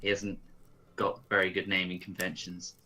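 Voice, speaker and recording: A man playing in a tabletop game, giggling and talking haltingly while he introduces his character. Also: low-pitched, completely flat delivery, bright, forceful tone. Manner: giggly, halting, full of fillers. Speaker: player. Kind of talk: casual chat at a game table.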